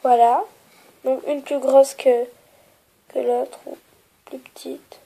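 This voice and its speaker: A young woman with a stuffy nose from a cold, explaining a craft tutorial at home with many fillers and soft, trailing phrases. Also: sits high, little pitch movement, slow pace, vocal fry, low-quality recording. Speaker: polymer clay tutorial maker.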